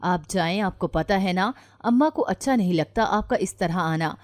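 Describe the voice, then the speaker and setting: A woman narrator voicing an anxious but defiant young unmarried daughter in a storybook reading, insistent and sharp-tongued. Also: fairly low pitch, lightly acted. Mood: angry. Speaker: daughter in a read-aloud story.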